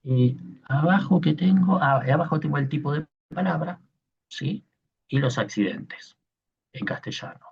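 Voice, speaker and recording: A male teacher gives a patient class, pausing often to check that his listeners follow. His voice is gravelly and very husky, and his speech is slow and unhurried. The sound is dull and lo-fi. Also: fairly high pitch, expressive. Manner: patient explaining, frequent checking questions. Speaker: teacher of Koine Greek. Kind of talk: online class lecture.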